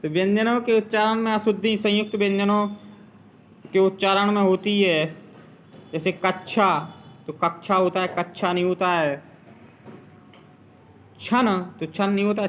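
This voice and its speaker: A man's voice: sits high, steady tone, moderate pace, slight background noise. A man teaching a grammar lesson, carefully saying word pairs one after another to drill pronunciation.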